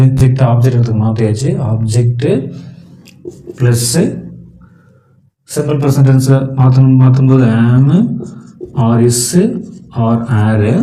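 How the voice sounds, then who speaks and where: A man with a Tamil accent teaches English grammar to school students at an unhurried pace, putting a question to the class and then answering it himself. His voice is dark and mellow. The recording has a noticeable room echo. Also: mid-range voice. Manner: slow, asks questions and answers them himself.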